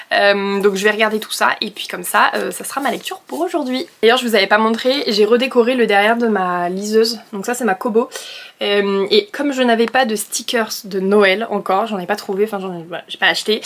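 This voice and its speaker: A young woman from France chatting to camera at home in a casual reading vlog, rambling with many fillers and self-corrections. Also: medium pitch. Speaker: book vlogger. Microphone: camera set on a surface.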